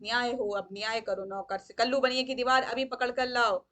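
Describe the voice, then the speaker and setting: A woman's voice: a little high, fairly even intonation, normal speed, fairly bright tone, close to an everyday voice. A woman reading the part of a poor man pleading with the king for justice.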